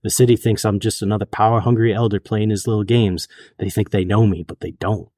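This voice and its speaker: A man voicing a scheming, menacing male vampire elder in an attempted Southern accent, low and slow. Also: steady tone, dark tone, dry recording, studio quality, close to an everyday voice. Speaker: storyteller voicing a character.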